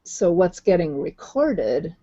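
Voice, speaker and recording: A woman hosting a video call, patiently explaining how the software works and thinking aloud as she goes. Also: fairly low pitch, sing-song, slow. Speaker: host. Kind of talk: casual explanatory chat. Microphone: computer mic on a video call. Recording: dull lo-fi online call audio.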